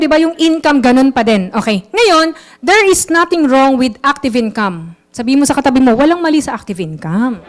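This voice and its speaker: High-voiced Filipino woman rousing a seminar. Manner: lively, quizzes the audience with frequent tag questions; mixes English phrases into her talk. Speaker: network marketing trainer. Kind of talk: motivational seminar talk.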